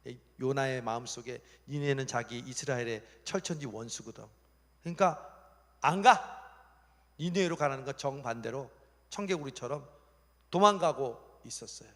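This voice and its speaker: A man's voice: mid-range voice, normal speed, a bit bright. A male pastor preaching a youth service sermon in a church sanctuary, telling the story with animation and sometimes dropping to a whisper. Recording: long reverb of a church hall.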